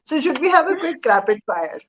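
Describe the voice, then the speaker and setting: A woman's voice: high voice, sing-song, fairly quick, a bit bright. Host: a woman who coaxes her guest along in casual chat, over a dull lo-fi recording. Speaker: host, life coach. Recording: dull lo-fi sound.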